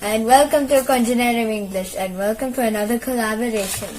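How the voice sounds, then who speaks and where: High-voiced woman, upbeat, repeating words back, light hiss behind. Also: brisk, darkish tone, poor audio. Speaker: co-host, learner. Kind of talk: casual lesson repetition.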